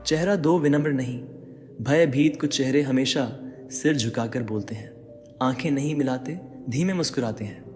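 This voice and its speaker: A man's voice: mid-range voice, moderate pace, darkish tone. A man giving dramatic motivational narration, speaking straight to the listener with rhetorical questions. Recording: long reverb with faint background music.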